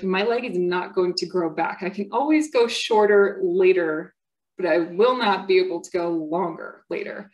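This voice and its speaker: A woman's voice: mid-range voice, low-quality recording. Earnest young woman sharing her story. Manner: earnest, halting with frequent fillers and restarts. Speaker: patient speaker at a symposium. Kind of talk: personal testimony talk.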